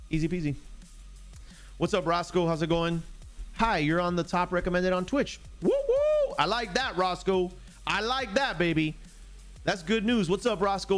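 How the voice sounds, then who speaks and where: A man hosting a casual live sports stream, chatting and joking with viewers and reading chat aloud. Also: a little high. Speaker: livestream sports show host.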